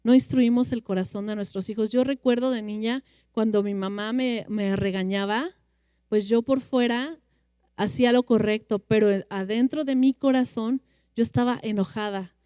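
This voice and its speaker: A woman with a Mexican Spanish accent giving an earnest church talk to parents, quoting the Bible and slowing down for emphasis. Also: a little high, steady tone, warm tone, clean tone, dry recording, clean studio sound. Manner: earnest, slows down for emphasis and acts out children's replies. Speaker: church parenting class teacher. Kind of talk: teaching talk with Bible quotes.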